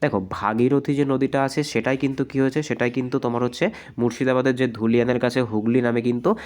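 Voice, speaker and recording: A man with a hoarse voice from a cold, teaching an exam practice lesson and explaining answers step by step. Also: medium pitch, little pitch movement, fast, darkish tone. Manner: explanatory, repeats "ঠিক আছে?" often.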